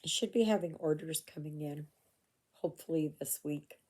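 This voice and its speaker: An older Canadian woman, a cross-stitch vlogger, chats casually while stitching, recorded at home on a phone camera. Her deep voice moves at a moderate pace and is a little mellow. She rambles, with asides and fillers.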